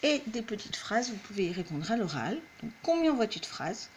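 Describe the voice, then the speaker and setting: A woman's voice: mid-range voice, sing-song, normal speed, slight background noise. A woman teacher giving a patient, step-by-step lesson to young children at home. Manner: patient, clear, explains step by step. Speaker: primary school teacher.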